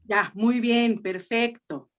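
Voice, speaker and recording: Mexican woman, a little high, patient teacher on a dull lo-fi call line, encourages and corrects gently. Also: takes it slowly. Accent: Mexican Spanish. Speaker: Latin teacher. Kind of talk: online class instruction. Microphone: video call. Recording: lo-fi video call audio.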